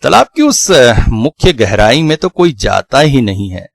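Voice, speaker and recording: A man telling a scripted horror story in a slow, dramatic, suspenseful way. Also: mid-range voice, sing-song, vocal fry, music in the background.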